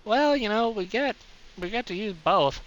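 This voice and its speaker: A man's voice: high-pitched, expressive, moderate pace, fairly bright tone, low-quality recording. A young man giving casual, rambling commentary while he plays a game live, joking at his own expense as he goes. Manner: playful, rambling, self-mocking jokes. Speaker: streamer.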